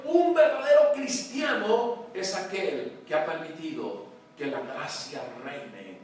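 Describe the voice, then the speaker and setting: A male pastor preaching a sermon, swinging between loud emphasis and hushed words, often calling out to his congregation. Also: fairly high pitch, lively intonation, slow. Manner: addresses congregation as "hermano", asks "¿verdad?". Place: large church hall. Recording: very echoey church hall, mic far off, faint noise.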